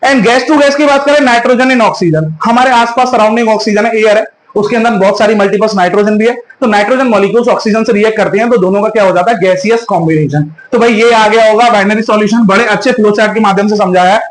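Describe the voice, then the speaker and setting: High-voiced chemistry teacher, echoey. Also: male voice, a little hiss or hum. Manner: asks questions and answers them himself, calls students "beta"; drawn-out, slow spelling of key terms. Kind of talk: online class lecture.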